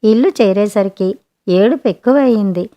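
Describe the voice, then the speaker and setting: A woman narrating a written short story in a gentle, expressive audiobook manner. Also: mid-range voice, normal speed.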